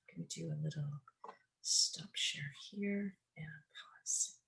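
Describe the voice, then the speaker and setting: Presenter for a screen-share talk: slow, halting delivery with frequent filler sounds. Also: medium pitch, a little mellow. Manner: slow, hesitant, many ums and uhs.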